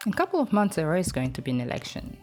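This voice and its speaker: A woman's voice: on the low side, huge pitch swings, very fast, a little mellow. A woman from Africa with an African accent, hosting a reaction video in a chatty, rambling, frank way. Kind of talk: casual chat.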